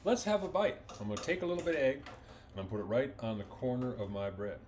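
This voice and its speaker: Folksy male home-cooking vlogger, mid pitch, enthusiastic, kitchen with faint hum behind. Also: lively intonation, quick pace. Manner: folksy, enthusiastic, talks with mouth full while eating. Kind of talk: casual cooking demonstration.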